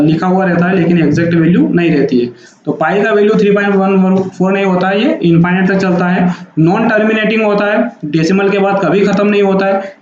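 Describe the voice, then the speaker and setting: The recording, very echoey and dull with a lo-fi room sound and slight background noise, captures a man teaching maths in classroom-lecture style. He has a high voice with a darkish tone and explains patiently, repeating points and checking frequently.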